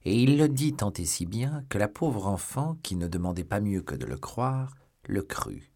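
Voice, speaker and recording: A man narrating a classic novel as an audiobook. His voice is deep and husky, and his reading is measured and expressive.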